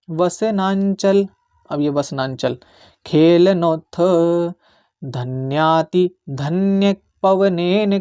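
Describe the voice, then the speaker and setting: A man with a mellow, warm voice teaches the pronunciation of devotional Sanskrit verses. He chants them slowly, one syllable at a time, between calm spoken explanations. The sound is close and dry. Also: a little high, dry recording, muffled recording.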